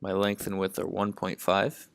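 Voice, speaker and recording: Deep-voiced man tutoring math. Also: flat delivery, moderate pace, creaky, no room sound. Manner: says "okay" constantly, thinks aloud step by step. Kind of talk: lesson narration while writing.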